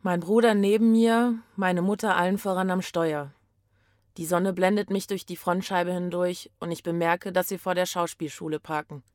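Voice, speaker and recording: A woman's voice: on the low side, steady tone, normal speed. A woman reading a first-person story aloud in a reflective, brooding way.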